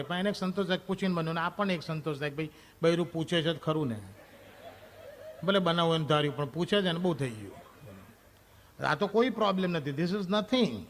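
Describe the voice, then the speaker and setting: A man performing a stand-up comedy monologue on stage, telling animated stories and acting out quoted lines from a wife and a husband, with English phrases mixed in. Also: on the high side, slight background noise. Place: stage before a live audience.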